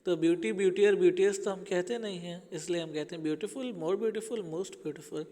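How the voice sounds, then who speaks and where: High-voiced man teaching English grammar. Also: fast talker, warm tone, in a large hall. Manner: explains patiently, addresses pupils as children. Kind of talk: classroom grammar lesson.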